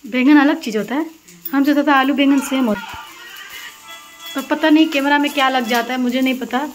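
Soft music plays in the background as a housewife vlogger rambles casually to the camera in a high voice, talking a little fast. She films on a phone at arm's length in her small rooms, kitchen and balcony, where household sounds are clearly audible.

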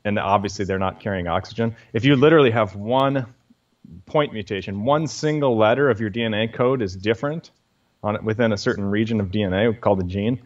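A man's voice: lowish voice, a little fast, lo-fi sound. A man, a scientist guest, explaining things patiently in an interview with many fillers.

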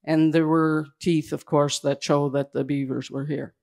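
A man giving a slide presentation at a public event indoors, talking in a hurried, halting way that keeps restarting its phrases. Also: fairly high pitch, level tone, gravelly, a little mellow. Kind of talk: slide presentation to a live audience.

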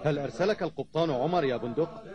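A man voicing a watchful, dutiful village guard in a cartoon, with brisk, formal, earnest delivery. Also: on the high side, crowd noise, close to an everyday voice. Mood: friendly, watchful. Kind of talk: cartoon voice acting. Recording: muffled, noisy old cartoon soundtrack.

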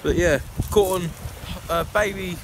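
A young male angler chatting in a relaxed, slightly halting way about his catch on a beach at night. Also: high voice. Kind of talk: casual fishing vlog commentary. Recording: noisy windy beach at night.

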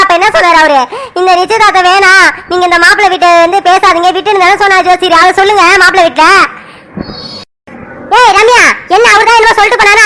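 A loud, exasperated cartoon mother, as a woman voices her, scolding in a rapid stream. Her voice is very high, bright and sharp. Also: slight background noise. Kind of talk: animated family serial voice acting.

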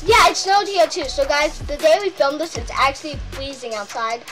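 A woman's voice: sits high, animated, normal speed. A young girl hosting a gaming vlog, chatty and nervous, often repeating herself. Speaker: channel host. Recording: game music playing loudly underneath. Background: game music.

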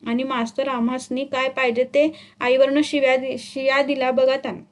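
A woman's voice: high-pitched, little pitch movement, moderate pace. Timid village schoolboys, read by a woman. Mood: pleading. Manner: pleading, tattling in rural dialect.

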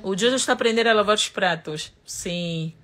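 A woman's voice: medium pitch, a little fast, a bit bright. A young woman and mother chatting casually in a gossip vlog, rambling and outspoken with her opinions.

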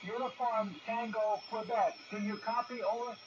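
A man's voice: high-pitched, fairly even intonation, moderate pace. A man on a ham radio contact, heard through a shortwave receiver, spelling call signs in the phonetic alphabet. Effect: heard over a shortwave radio receiver. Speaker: amateur radio operator. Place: station near Tokyo. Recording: muffled, noisy radio signal.

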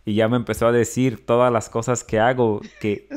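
A man's voice: mid-range voice, flat delivery, normal speed. A man in his thirties, podcast co-host, telling a story in casual chat with many restarts. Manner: storytelling, acts out quoted voices, many restarts.

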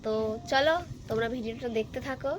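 A young woman with a hoarse, cracking voice, chatting casually and rambling as she narrates her home vlog. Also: on the high side, steady tone, fast talker, background noise. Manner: chatty, rambling, many fillers. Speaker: vlogger. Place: voice-over recorded later at home.

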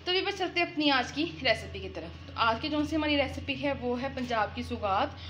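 A woman's voice: high voice, expressive, a little fast, fairly bright tone, soft background music. A woman from Punjab, hosting a cooking show and chatting eagerly to viewers while prompting her mother. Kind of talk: casual cooking-show presenting.

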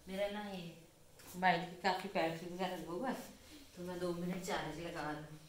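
This Pakistani vlogger talks to viewers in one long ramble on a casual phone video shot around her home, indoors and out, peppering everything with "theek hai." Her pitch is fairly low, her intonation fairly even, and her pace normal. An echoey room, faint ambience, and slight background noise color the audio.

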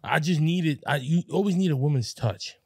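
A man hosting a casual podcast interview, asking questions and often answering with a quick "right". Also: a little high, breathy edge, no echo, clean studio sound. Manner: frequent "right" backchannels, friendly questions. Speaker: podcast host.

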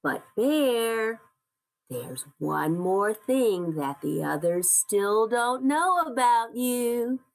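A woman voicing a cheerful, kind young female storybook character, eager and upbeat, with a lively, bouncing voice. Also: high-pitched, takes it slowly, slightly rough, voice pushed up, exaggerated voice.

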